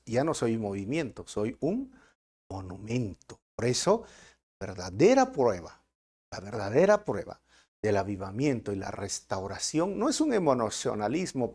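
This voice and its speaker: Male pastor, Peruvian Spanish accent, gravelly voice, lively pitch, sermon with rhetorical questions. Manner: animated preaching with rhetorical questions. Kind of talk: verse-by-verse sermon.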